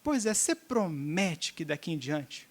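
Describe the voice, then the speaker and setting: A man voicing a patient young mother gently scolding her son. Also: a little high, sing-song, unhurried. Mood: coaxing. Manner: gentle, coaxing.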